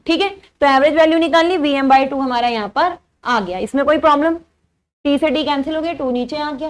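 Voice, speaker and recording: A woman's voice: high-pitched, a bit bright. A young woman teaching an engineering class, working through each step aloud and answering her own questions. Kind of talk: engineering lecture.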